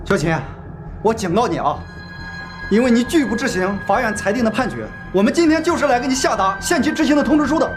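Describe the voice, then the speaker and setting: A woman's voice: on the high side, expressive, over music, lightly acted. An actress playing a firm woman court enforcement officer who issues stern warnings. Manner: stern, warning, fast-talking.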